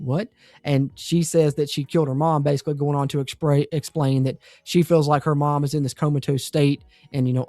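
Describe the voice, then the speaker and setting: A man's voice: medium pitch, dark tone, no echo. A man giving a casual, rambling spoiler review of a horror movie, full of fillers and enthusiasm.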